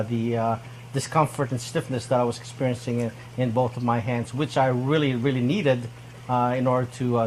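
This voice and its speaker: A man's voice: mid-range voice, slight background noise. Hesitant man with frequent uhs. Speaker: customer giving a testimonial. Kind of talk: unscripted testimonial.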